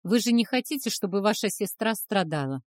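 A woman's voice: mid-range voice, expressive, a little fast, darkish tone, no room sound, studio quality, close to an everyday voice. A woman reading aloud voices a young, timid maid who speaks hesitantly and a little pleadingly. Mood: anxious.

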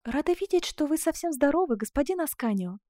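A woman's voice: high voice, animated, a little fast, dark tone, no echo, clean studio sound, pitched above the performer's own voice. Woman voicing a tender young noblewoman. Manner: tender, pleading, sometimes breathless. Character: young noblewoman in love, gentle and earnest. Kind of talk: audiobook character reading.

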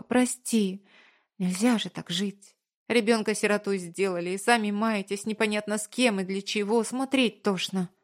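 A woman's voice: mid-range voice, pitched above the performer's own voice, close to an everyday voice. A woman voicing a tearful, anxious older mother who pleads and scolds her grown son in an audiobook. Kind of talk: audiobook character reading.

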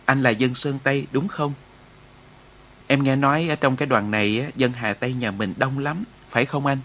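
A man's voice: medium pitch, steady tone, normal speed, fairly bright tone, slight background noise, natural voice. Man reading as a cheerful young nurse.

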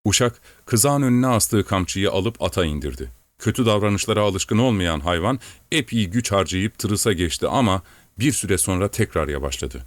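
Low-voiced guy reading a story, steady and calm, dry sound. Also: normal speed, no echo. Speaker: narrator. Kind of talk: scripted audiobook narration.

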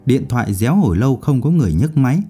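A man narrating a novel audiobook in an expressive, measured reading. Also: mid-range voice, husky, soft background music.

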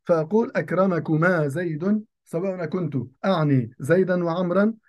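A man giving a grammar lesson, who repeats key phrases and slows down to say the example sentences. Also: high-pitched. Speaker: teacher of Arabic grammar. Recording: dull lo-fi recording.

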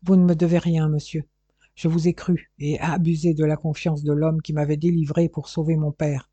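A man's voice: a little high, little pitch movement, normal speed, dark tone, slightly rough, no room sound. A man voicing a proud young woman who answers coldly and bitterly, on a dull, dry recording. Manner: cold, firm, bitter.

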